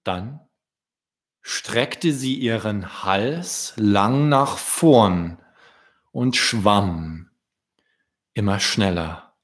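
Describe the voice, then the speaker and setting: A man, a children's book author, reading his story aloud in a deliberate storytelling manner. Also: fairly low pitch, expressive.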